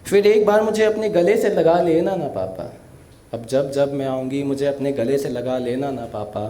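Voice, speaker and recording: A man performing an emotional poetry recitation for an audience, slow and heartfelt, repeating verses with rising emphasis. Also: mid-range voice, mellow. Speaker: poet. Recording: echoey room.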